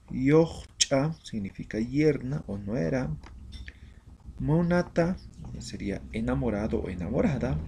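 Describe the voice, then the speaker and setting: A man from Bolivia teaching a language lesson, reading vocabulary slowly word by word with explanations. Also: medium pitch, a little mellow, a little hiss or hum. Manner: slow, deliberate word-by-word drilling.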